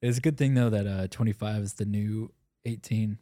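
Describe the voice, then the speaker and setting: A man's voice: lowish voice, steady tone, moderate pace, mellow, a little hiss or hum. A man in his twenties co-hosting a podcast from a home basement, chatting casually and laughing often. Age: 20s. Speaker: podcast co-host. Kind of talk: casual chat.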